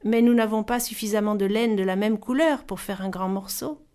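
A woman's voice: medium pitch, a little fast, warm tone, smooth, natural voice. A woman reading as an eager middle brother.

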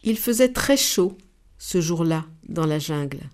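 A woman reading a children's story aloud in an expressive, unhurried way. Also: low voice.

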